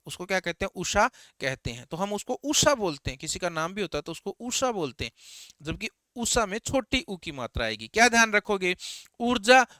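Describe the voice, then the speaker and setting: Male Hindi tutor with a Rajasthani accent, exam-prep style: pitched high, crisp delivery, repeats words with call-and-answer drills. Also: pushed and bright, no room sound, studio quality. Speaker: Hindi grammar teacher. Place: coaching academy recording.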